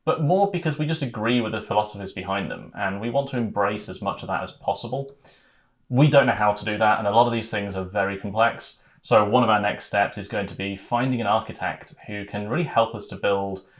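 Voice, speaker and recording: A man's voice: fairly low pitch, a little fast. A man in his thirties talking to camera in a casual vlog, earnest and thoughtful, with a few ums. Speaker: vlogger.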